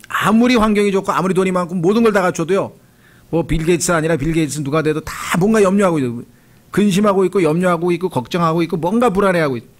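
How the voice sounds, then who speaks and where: A middle-aged Korean man preaching a sermon as pastor, talking to the congregation in a conversational way and acting out prayers and quoted voices. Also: fairly high pitch.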